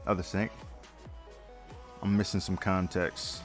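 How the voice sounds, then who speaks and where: Tired guy with a really deep voice, rambly casual stream chat, quiet music behind. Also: little pitch movement, takes it slowly. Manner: rambling, with frequent fillers and restarts. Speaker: live-stream host. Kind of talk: casual live-stream chat while building a model kit.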